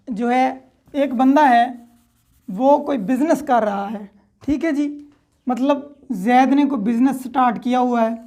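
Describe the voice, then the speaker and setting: A woman with a Pakistani accent delivers an explanatory law lecture with worked examples, keeping it conversational and often adding check-in tags. Her voice sits high with a darkish tone.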